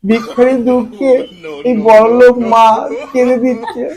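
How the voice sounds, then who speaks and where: A man's voice: very high voice, flat delivery. A man playing a humble beggar who pleads for alms and gushes with gratitude in a comedy sketch. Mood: pleading. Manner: slow pleading, sentimental. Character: humble male beggar, pleading and overly grateful. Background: loud background music.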